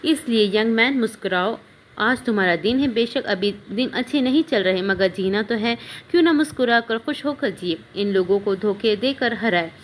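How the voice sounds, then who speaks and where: A woman's voice: a little high, animated, normal speed, slight background noise, natural voice. A woman voicing a fond, reassuring uncle. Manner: warm, reassuring, gently teasing. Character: caring middle-aged uncle and father, affectionate.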